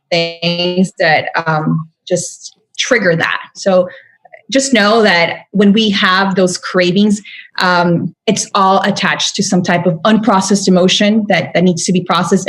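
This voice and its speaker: A young Venezuelan woman with a lowish voice speaks as a podcast guest and spiritual guide. Her casual interview chat is earnest and full of fillers and restarts, and the audio quality is poor.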